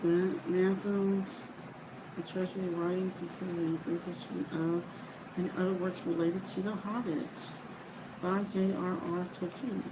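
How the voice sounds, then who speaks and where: A woman who reads books for listeners chats casually to her viewers in a fairly low, level voice, speaking a little slowly. She meanders informally and often trails off mid-thought, with background noise audible.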